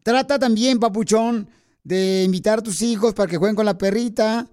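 A man's voice: high-pitched, normal speed, darkish tone. A man hosting a radio show, teasing callers with playful nicknames. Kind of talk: lively radio banter.

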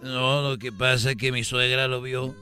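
A man telling a comic story about his family in a slow, deadpan way. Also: medium pitch, soft background music. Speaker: comedian telling an anecdote. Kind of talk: comedy sketch storytelling.

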